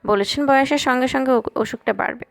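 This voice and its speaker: A woman reading the lines of a quiet, apologetic young man in an audiobook. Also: high-pitched, fast, creaky. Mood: subdued. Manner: subdued, apologetic.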